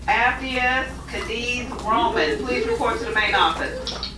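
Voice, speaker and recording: A woman making a formal school announcement over a public address loudspeaker, saying names slowly. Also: on the high side, animated, noisy background. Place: school building. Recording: echoey loudspeaker heard from far off, loud music.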